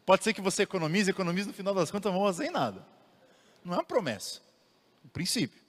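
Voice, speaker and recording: A young Brazilian man teaching the Bible in a lively way, asking his listeners rhetorical questions. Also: sits high, rapid-fire. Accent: Brazilian Portuguese. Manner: animated, asks the audience rhetorical questions. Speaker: theology teacher. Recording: long reverb of a large room.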